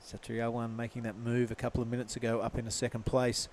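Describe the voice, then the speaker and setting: A man commentates a surf contest live in a relaxed, casual surfer-announcer way. His voice sits at an everyday male pitch, with clear background noise and ambience around it. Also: fast.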